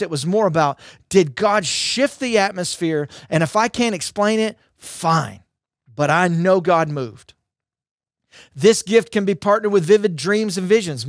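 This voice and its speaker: A man's voice: high voice, no echo, clean studio sound. A middle-aged man giving a conversational sermon as a preacher, emphatic, with punchy short phrases and repetition, on a headset microphone. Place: dark indoor studio.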